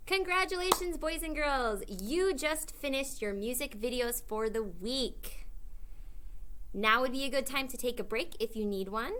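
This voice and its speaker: A woman teacher closes the week's lessons with an encouraging message for children. Her voice sits somewhat high and stays friendly and upbeat. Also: measured pace. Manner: bright, encouraging address to children. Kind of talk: cheerful closing message for children.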